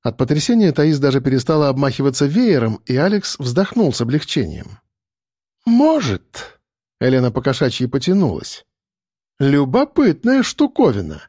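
A man's voice: very animated, a little fast, hardly any pauses, darkish tone, no echo, clean studio sound. A man narrating a story and voicing its characters in the dialogue. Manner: voices many characters with shifting pitch. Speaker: audiobook narrator. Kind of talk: scripted narration with acted dialogue.

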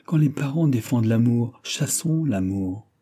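A man voicing a soft-spoken, earnest young woman in an audiobook reading of a classic novel. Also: medium pitch, animated, unhurried.

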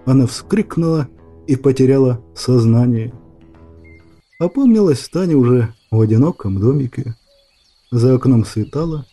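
A man narrating a fairy-tale audiobook in a dramatic, expressive storytelling manner. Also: mid-range voice.

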